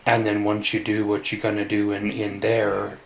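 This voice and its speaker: A man from Canada rambling through a casual solo vlog in a weary, subdued way, halting often with long pauses. The recording is roomy and echoey. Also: fairly low pitch, completely flat delivery, gravelly, slight background noise. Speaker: vlogger.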